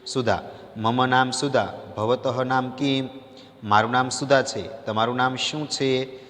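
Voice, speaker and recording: A man reading the part of a woman teacher in a textbook dialogue, slowly and evenly. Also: medium pitch, steady tone, fairly bright tone, natural voice. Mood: plain reading. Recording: long hall reverb.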